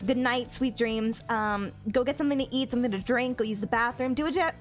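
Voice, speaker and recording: High-voiced woman, cute bubbly anime-streamer style, casual livestream chat, game music in the background. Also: fast. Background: video game music.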